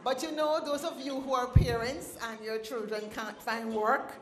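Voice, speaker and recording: A woman addressing a banquet crowd, her voice sitting a little high. She talks in a rhythmic, sing-song way and at times chants her lines. The sound carries the echo of a large hall. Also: moderate pace, slight background noise. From Caribbean. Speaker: founder and president, awards host. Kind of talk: ceremony speech with poetry recital. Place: banquet hall at an awards ceremony.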